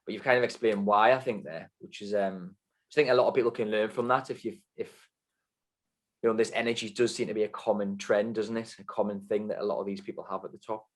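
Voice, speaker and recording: Fast-talking male interview host. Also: on the low side, steady tone. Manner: friendly, jumps in with questions. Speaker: podcast host. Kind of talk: casual interview chat.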